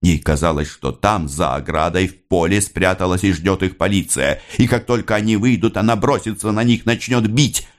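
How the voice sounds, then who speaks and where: A man narrating an audiobook with measured, dramatic storytelling. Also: sits low.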